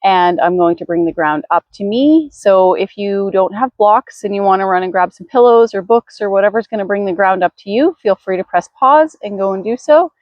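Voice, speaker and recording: Woman, yoga instructor, careful unhurried delivery, gentle guided class, medium pitch, very little room sound. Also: expressive, no echo, dull audio.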